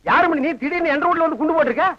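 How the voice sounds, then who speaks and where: A sharp-tongued village grouch. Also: male voice, very high voice, rapid-fire, very noisy. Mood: mocking. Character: sharp-tongued insulting middle-aged village man. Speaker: grumpy householder in a comedy film. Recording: dull lo-fi film soundtrack.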